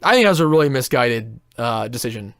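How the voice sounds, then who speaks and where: A man's voice: medium pitch, expressive, quick pace, no echo, studio quality. A man in casual podcast chat, reviewing theme parks in a blunt, opinionated way and swearing freely.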